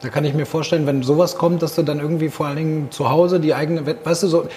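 A man, a podcast co-host, chiming in with quick remarks in casual chat. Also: on the high side, fairly even intonation, darkish tone, slight background noise.

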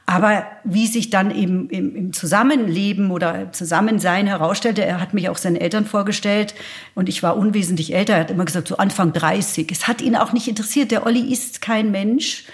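A woman's voice: medium pitch, fairly quick. A woman, telling a personal story as an interview guest and acting out the dialogue. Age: 60s. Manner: animated, acts out dialogue.

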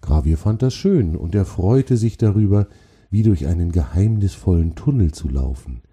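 A man calmly narrating a children's story in a gentle, storytelling manner. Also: low voice, normal speed, husky.

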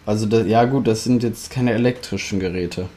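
A man's voice: on the low side, a little fast, warm tone. A young man co-hosting a podcast, teasing and blunt in casual banter. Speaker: podcast co-host.

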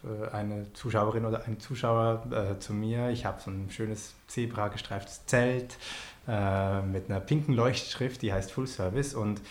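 A man from Switzerland with a Swiss accent, a podcast guest telling stories in a relaxed way with many fillers. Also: on the low side. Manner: relaxed storytelling with frequent fillers. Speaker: podcast guest, performance artist. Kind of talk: casual conversation. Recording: roomy echo.

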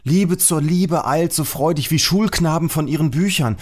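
A man's voice: on the high side, normal speed, pitched above the performer's own voice, lightly acted. A man reading the part of a young male lover in a mock-solemn, theatrical way.

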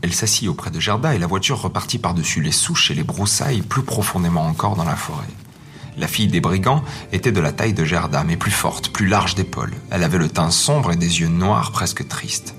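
A man calmly reading a fairy tale aloud as narrator. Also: deep voice, brisk. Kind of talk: scripted storybook narration. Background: faint music.

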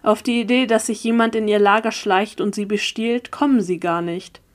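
A woman's voice: mid-range voice, steady tone, moderate pace, close to an everyday voice. A woman reading aloud, voicing a scheming, persuasive young male sorcerer who talks down insistently. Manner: condescending, insistent, impatient.

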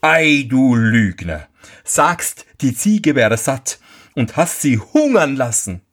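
A storyteller playing a quick-tempered old tailor father who scolds gruffly. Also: mid-range voice, very animated, voice pushed up, heavily acted. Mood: scolding.

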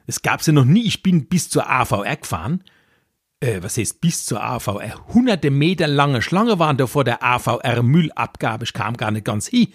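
Husky Kurpfalz-accented man in his sixties. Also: mid-range voice, dry recording, studio quality. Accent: Kurpfalz dialect. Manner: rambling storyteller, addresses audience, dialect words. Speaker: comedian. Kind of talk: comic monologue.

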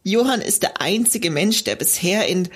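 A woman's voice: medium pitch, expressive, moderate pace, husky. An actress playing a wary, dry-witted woman of the house in a radio play, guarded at first, then welcoming.

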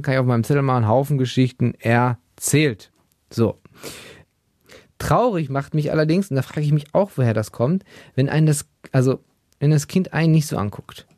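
A man's voice: mid-range voice, darkish tone, no room sound, studio quality. A young man with a tired voice, rambling in a casual solo monologue as podcast host. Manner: chatty, rambling, self-amused, puts on silly baby-talk voices.

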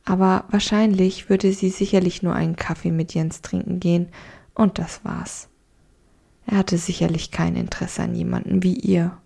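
A young adult woman hosting a podcast, reading a short story and giving calm, gentle encouragement. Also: lowish voice, moderate pace, gravelly.

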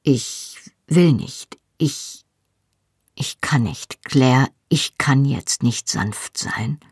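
A man voicing a possessive, commanding Highland husband in an audiobook, speaking low, urgent and slow. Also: fairly even intonation, creaky, husky, no echo, studio quality, heavily acted.

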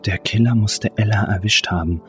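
A man with a fairly low voice narrates a thriller in a tense, dramatic way. His reading is scripted and steady. A music bed plays clearly behind him. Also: moderate pace. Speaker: audiobook narrator.

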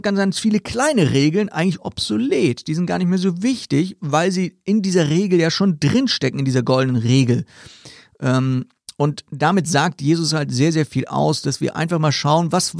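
A man's voice: fairly high pitch, gravelly, darkish tone, no echo, clean studio sound. A man hosting a podcast, chatting casually about Bible verses and thinking aloud with fillers and repeated words. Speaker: podcast host.

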